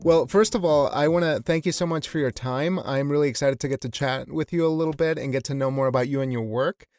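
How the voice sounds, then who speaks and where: A man from Wyoming hosting an interview podcast, asking questions in a measured way and often repeating a word as he restarts. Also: fairly high pitch, dry recording, faint music behind. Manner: warm, measured, repeats words when restarting. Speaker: podcast host.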